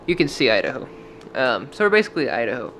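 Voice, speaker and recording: Holding a camera in a dim motel room, a young vlogger from Washington state tells a rambling story packed with "like," speaking quickly in a sing-song, medium-pitched, fairly bright voice. It's a casual travel vlog with voice-over, recorded at arm's length with a little hiss or hum.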